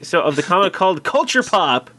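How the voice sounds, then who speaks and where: A man hosting a casual interview, easygoing and quick to laugh, asking loose, wandering questions. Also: sits high, sing-song, pushed and bright, slight background noise. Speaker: podcast host.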